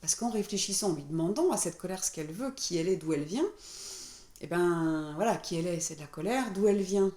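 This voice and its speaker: A woman's voice: medium pitch, warm tone. Woman medium chatting casually to viewers, lots of fillers, echoey room. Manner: chatty and informal, with frequent fillers. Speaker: spiritual medium and therapist. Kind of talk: casual explanatory talk to viewers. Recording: roomy echo.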